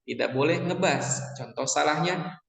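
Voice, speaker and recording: A man's voice: a little high, unhurried, gravelly. A man teaching Quran recitation, patiently repeating syllables and chanting verses to show correct pronunciation. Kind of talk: tajwid lesson with chanted demonstrations. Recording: echoey room with long reverb.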